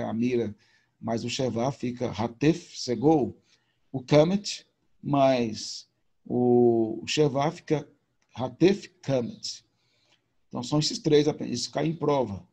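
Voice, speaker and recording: A man's voice: medium pitch, creaky, a little mellow, breathy edge. A man teaching a recorded video lesson, explaining patiently and informally with repetition. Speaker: Hebrew teacher.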